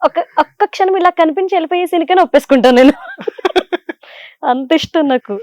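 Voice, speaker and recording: A woman's voice: very high voice, very fast, no room sound. A young woman, a television serial actress with a Godavari Telugu accent, chatting in an interview with lots of fillers. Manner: chatty and animated, with frequent fillers. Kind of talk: casual interview answers.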